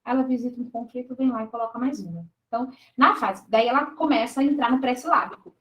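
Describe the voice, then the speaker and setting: A woman with a Brazilian Portuguese accent leads an exam review, working through answer choices step by step. Her voice sits a little high. The room around her rings with a noticeable echo. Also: quick pace, lo-fi sound. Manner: explanatory, checks in with students often. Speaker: teacher reviewing exam questions. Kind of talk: live online exam-prep lesson.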